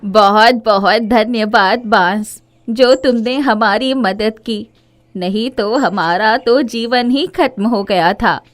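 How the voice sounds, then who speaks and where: A woman voicing a desperate young mother in an animated story, pleading in a high, strained voice. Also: slow. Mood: grateful.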